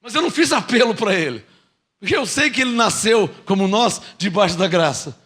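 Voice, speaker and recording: Man, Brazilian accent, sermon, very high voice, bright tone, mocks doubters in a small voice. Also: expressive, breathy edge. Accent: Brazilian Portuguese. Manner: swings from quick asides to slow, drawn-out shouted proclamations; mimics doubting listeners in a small mocking voice. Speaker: pastor.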